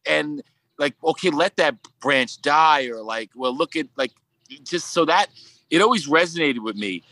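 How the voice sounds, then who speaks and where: Man, Brooklyn accent, bright forceful voice, dry close sound, casual rambling interview talk, halting phrasing. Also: a little high, lively intonation, no room sound. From Brooklyn, New York. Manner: halting, rambling, peppered with "you know". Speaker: podcast guest, sculptor.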